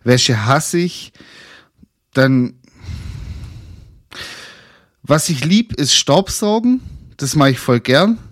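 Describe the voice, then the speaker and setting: A man's voice: medium pitch, sing-song, very slow, pauses often, no room sound, clean studio sound. A young man, co-hosting a casual podcast chat and telling rambling stories with frequent laughter. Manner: laughs often, rambling storyteller. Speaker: podcast co-host.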